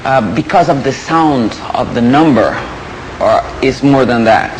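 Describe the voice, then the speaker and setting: A man interviewing, halting and searching for words, with many ums. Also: mid-range voice, slight background noise, low-quality recording. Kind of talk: interview questions.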